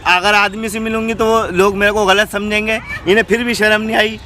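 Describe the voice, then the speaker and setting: A man's voice: high voice, little pitch movement, fairly quick, sharp tone, a little hiss or hum. A man playing an aggrieved son in a staged street confrontation, indignant and angry.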